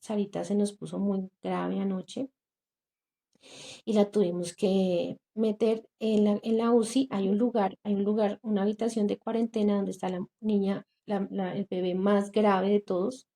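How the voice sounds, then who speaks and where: A woman's voice: medium pitch, little pitch movement, normal speed, gravelly, mellow. A young woman, earnestly recounting a painful personal testimony on a podcast, acting out the voices of people she met. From Colombia. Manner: earnest, recounting with quoted dialogue and many fillers. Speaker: guest sharing testimony.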